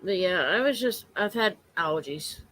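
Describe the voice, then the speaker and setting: Hoarse from allergies, a woman hosts a casual live stream at home, addressing viewers in an earnest, stop-start way that loops back over the same points. Her fairly low voice is animated and a touch bright, captured in a dry recording.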